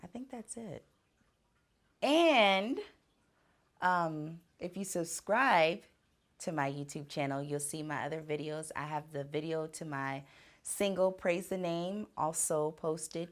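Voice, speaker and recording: A woman speaks in an unhurried, low register as she answers fan questions on camera. Her delivery is earnest and reflective, with soft pauses and fillers. The tone is personal and sincere. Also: steady tone. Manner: earnest, faith-driven speaking. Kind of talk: casual Q&A vlog.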